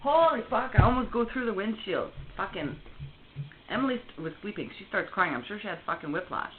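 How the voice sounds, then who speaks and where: A woman's voice: mid-range voice, expressive, brisk. Woman ranting over a phone line. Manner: heated, swearing, rambling with restarts. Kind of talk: casual storytelling on a phone call. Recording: tinny phone line, faint hiss.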